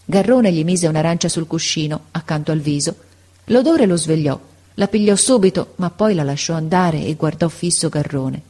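Woman narrator for a classic storybook audiobook, low-pitched, measured, unhurried. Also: expressive, warm tone.

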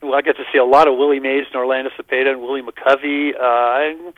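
A man's voice: medium pitch, little pitch movement, quick pace, no echo. An older man, a radio guest, telling baseball memories in an enthusiastic, rambling way over the phone. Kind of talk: casual radio chat. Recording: dull, lo-fi phone line.

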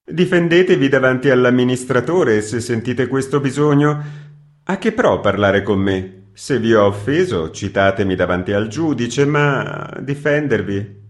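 A man's voice: mid-range voice, lively intonation, a little slow, voice pushed up, natural voice. A man voicing a blunt, mocking male prankster who brushes off an accusation dismissively. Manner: curt and dismissive.

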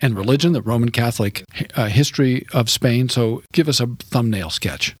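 A man hosting a radio interview, introducing his guest formally and asking measured questions in a studio. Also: medium pitch, a little mellow, slightly rough, dry recording. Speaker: radio show host.

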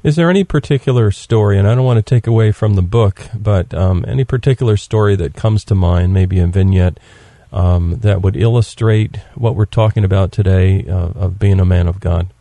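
A man hosting a radio interview, asking questions in a measured, casual way. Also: on the low side, dark tone, dry recording. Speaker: radio host.

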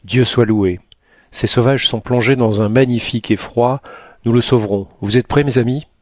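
A man reading the lines of a calm, resolute doctor leading a balloon crew, in a firm, commanding tone. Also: medium pitch, moderate pace, no room sound, clean studio sound, natural voice.

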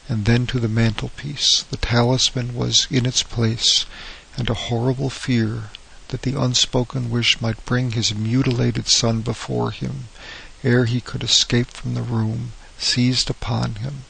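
A male narrator reading a classic horror story in a steady, even way. His voice is deeply gravelly and very husky, with a flat, level melody. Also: rough recording.

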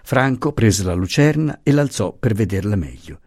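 A man reads a classic novel aloud in a low, slightly husky voice. His intonation moves a lot, expressive and measured. The recording is close and dry, with no room sound. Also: no echo. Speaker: audiobook narrator. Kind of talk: scripted narration of a novel.

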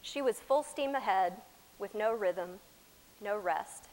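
A woman from Texas with an American accent preaching a sermon, with deliberate, emphatic phrasing, dramatic pauses and swings from loud to soft. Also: mid-range voice. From Texas, United States. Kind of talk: sermon to a chapel congregation. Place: large chapel, speaking to a congregation. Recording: echoey hall with long reverb.

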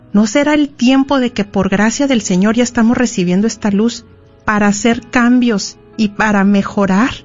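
A woman's voice: a little high, a little mellow. Woman, pastoral marriage talk, conversational, dull lo-fi sound, faint background music. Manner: conversational, acts out little scenes.

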